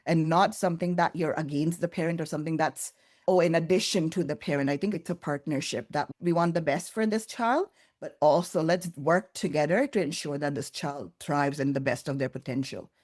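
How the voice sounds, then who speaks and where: Woman podcast guest, low voice, thoughtful and earnest, little restarts here and there. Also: a little fast, darkish tone. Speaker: early childhood curriculum developer, guest. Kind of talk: podcast interview answers.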